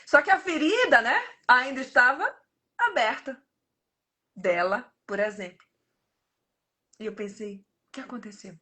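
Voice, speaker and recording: A woman in her fifties with a Brazilian Portuguese accent gives a casual, animated devotional talk, often addressing her listeners as "gente". Her voice is a little high and husky, a little slow, with long pauses.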